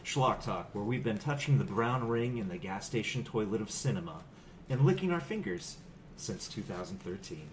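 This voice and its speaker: A man's voice: lowish voice, animated, normal speed, slight background noise. A man hosting a comedy movie-review podcast, talking in a mock-earnest, joking way and often laughing. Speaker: podcast host.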